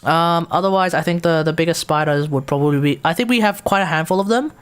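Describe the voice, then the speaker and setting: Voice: mid-range voice, fast, clear, resonant tone. A game streamer with an Australian accent, chatting casually with blunt, sweary, mocking remarks. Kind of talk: casual livestream commentary.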